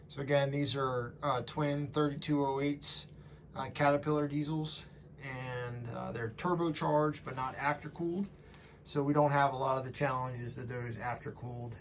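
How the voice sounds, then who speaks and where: A man's voice: fairly high pitch, a bit bright. A man hosting a casual walkthrough vlog, explaining things in an easygoing, somewhat hesitant way. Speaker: boat owner and vlog host. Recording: noisy camera audio, clear background noise.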